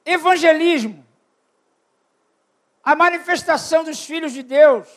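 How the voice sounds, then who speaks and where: High-voiced older preacher with shouted peaks. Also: male voice, measured pace. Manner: swings from loud shouted peaks to low quiet asides; asks the congregation questions and calls for amens. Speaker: preacher at a church retreat. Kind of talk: sermon.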